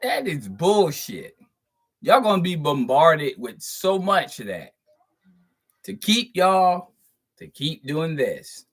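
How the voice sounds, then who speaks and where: Male channel host, somewhat high voice, profane preachy monologue, emphatic, chuckles between points. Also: very animated. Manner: drawn-out, stressed words. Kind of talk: spiritual monologue to viewers.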